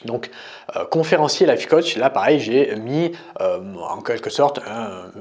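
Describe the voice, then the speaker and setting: A man's voice: medium pitch, expressive, unhurried, darkish tone. A young man from France, a dating coach, explaining in a casual tutorial, talking straight to the listener with frequent fillers. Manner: casual, addresses listener as tu, frequent "tu vois" and "euh". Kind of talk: screen-recorded tutorial.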